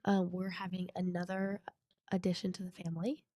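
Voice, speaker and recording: A woman's voice: fairly low pitch, flat delivery, a little fast, warm tone, dry recording, clean studio sound. A young woman co-hosting a podcast, chatting casually with a stuffed-up nose and a rambling, self-correcting way of talking. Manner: chatty, rambling, frequent restarts and laughs. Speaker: podcast co-host. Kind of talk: casual chat.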